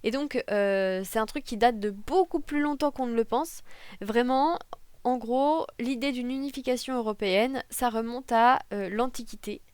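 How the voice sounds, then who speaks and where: Young woman, casual vlog chat, lots of ums and self-corrections, joking asides; smooth clear voice, dry close desk mic. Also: on the high side, normal speed, darkish tone, no room sound. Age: young adult. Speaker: political science student. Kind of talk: casual talking-head vlog. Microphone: desk microphone.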